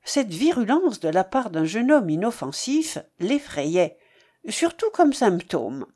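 A woman reading a classic novel aloud as an audiobook narrator, in a measured, expressive way. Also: mid-range voice. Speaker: audiobook reader.

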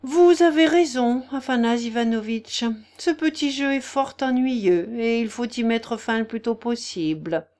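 A woman's voice: on the high side, a little slow, hardly any pauses, voice pushed up, natural voice. Nastasia Filipovna, imperious hostess read by a woman. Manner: commanding, raised and loud.

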